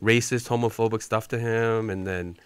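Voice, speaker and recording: A man in casual chat on a live stream. His voice is smooth and clear, recorded close and dry with little room sound. He talks loosely, laughs easily and keeps checking in with "right?" and "you know". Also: on the low side, steady tone, moderate pace, dry recording. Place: room with friends sharing food.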